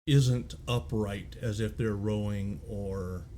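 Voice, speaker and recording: A man's voice: fairly low pitch, fairly even intonation, mellow, slight background noise. A man narrating a tabletop game as game master, hesitant and full of fillers. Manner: slow, hesitant, many fillers.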